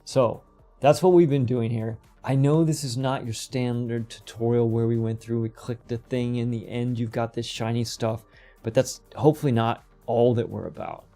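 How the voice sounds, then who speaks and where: Gravelly, fast-talking tutorial guy. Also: mid-range voice, steady tone, mellow, faint music behind. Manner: rambling, quick, self-interrupting. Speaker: game development tutor. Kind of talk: casual screen-recorded tutorial.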